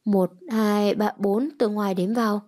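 A prickly young woman who snaps back and refuses help, read by a woman. The delivery is sulky and mellow, with a dark tone at a middle pitch, in the style of a storybook. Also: steady tone, a little slow, lightly acted. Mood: plain. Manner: snappish, sulky.

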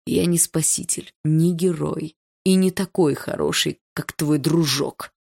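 A cocky teenage boy drawls and mocks at an unhurried pace, as a woman puts him on. The voice sits low for a woman and stays cool and taunting. An audiobook character voice. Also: fairly even intonation, vocal fry, darkish tone, exaggerated voice.

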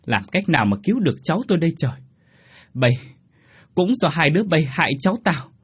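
Man playing a shrill, husky old grandmother, panicked and loud. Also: big pitch swings, moderate pace. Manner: shrill, lamenting cries. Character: distraught elderly mother-in-law, wailing.

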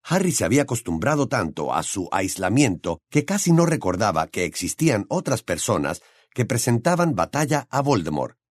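A man narrates a novel in an expressive storytelling voice. His pitch moves in a lively, animated way. The recording is dry and close, with no room sound. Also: normal speed, dry recording. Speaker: audiobook narrator. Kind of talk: audiobook narration.

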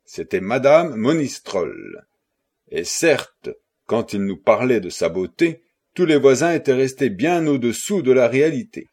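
A man narrating a classic novel for an audiobook, in a measured and expressive reading style. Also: medium pitch, husky. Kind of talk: scripted narration.

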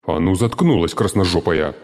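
A man's voice: low-pitched, moderate pace, breathy edge, in a large hall. A man voicing a rowdy foul-mouthed cucumber. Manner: shouting, crude and wildly excitable. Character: foul-mouthed hyperactive male cucumber servant. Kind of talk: audiobook character voice.

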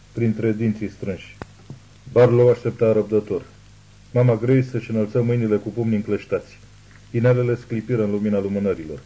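A male audiobook narrator with a low, very dark voice reads in a measured, ominous way. A husky grain runs through his narration. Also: rough recording. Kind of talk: scripted narration.

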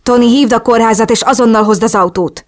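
A woman's voice: mid-range voice, lightly acted. A woman reading the lines of an anxious young man protecting his lover in an audiobook, urgent and pleading.

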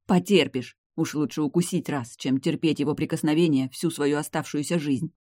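Reader voicing a sharp-tongued young vampire heroine. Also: medium pitch, fairly even intonation, no echo, clean studio sound, lightly acted. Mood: scolding. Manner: quick, snappy retorts. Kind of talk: audiobook character voice.

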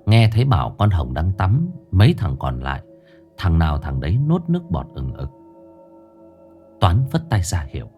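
Guy telling a ghost story, deep-ish voice, goes up and down a lot, soft music behind. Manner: lively, expressive. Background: faint music.

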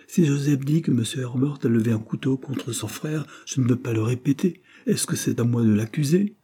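A man's voice: moderate pace, warm tone, slightly rough, lightly acted. A man voicing a distraught young woman who speaks emphatically in a raised voice. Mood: agitated. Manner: emphatic, pleading, high-pitched.

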